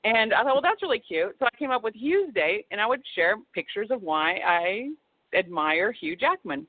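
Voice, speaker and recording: Over a tinny phone line, a Texan woman author guests on a casual interview, her mid-range voice animated and moderately paced. She rambles, with lots of restarts and asides.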